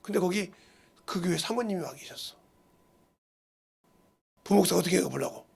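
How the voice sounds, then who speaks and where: A middle-aged male pastor preaching a sermon full of stories, dropping to hushed murmurs and rising to loud cries as he voices relatives. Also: sits high, moderate pace, gravelly, slightly rough.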